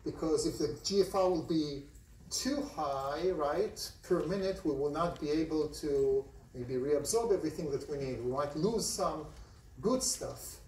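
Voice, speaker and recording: In an unhurried, slightly mellow voice on the high side, a man with an Israeli accent lectures a large university class conversationally, putting questions to the students often. A phone in the audience seats recorded it, giving a distant, roomy hall sound with slight background noise.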